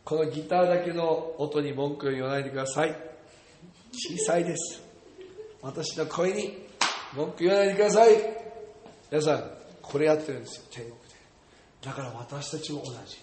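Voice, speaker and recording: High-voiced male pastor in an echoey hall. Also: brisk, long pauses, slight background noise. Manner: animated, jokey, reads verses loudly. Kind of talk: sermon with scripture reading. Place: church hall with congregation. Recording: echoey hall with long reverb.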